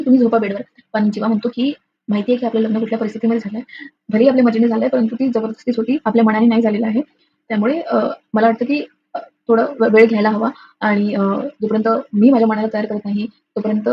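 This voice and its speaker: A woman casually retelling a TV serial episode, rambling with lots of filler sounds and restarts. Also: on the high side. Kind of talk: casual spoken episode recap. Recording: dull lo-fi audio with faint noise.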